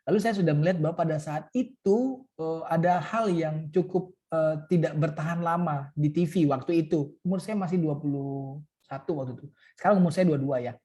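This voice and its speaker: Man, webinar guest speaker, mellow tone, fairly high voice, joking, filler-heavy. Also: fairly quick. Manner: casual, joking, many fillers. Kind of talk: webinar talk.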